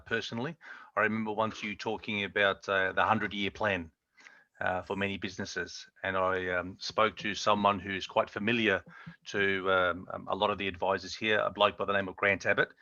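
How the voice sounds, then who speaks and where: A man's voice: fairly low pitch, steady tone, normal speed, pushed and bright, no room sound. A man hosting a video call Q&A in a jovial, rambling way full of ums and uhs. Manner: rambling, filler-heavy, jovial. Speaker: session host. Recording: dull lo-fi call audio.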